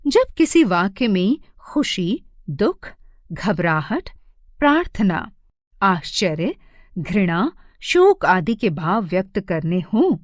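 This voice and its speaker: A woman narrating an animated grammar lesson for children as a teacher, speaking expressively and stressing each example sentence. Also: medium pitch, no echo, clean studio sound.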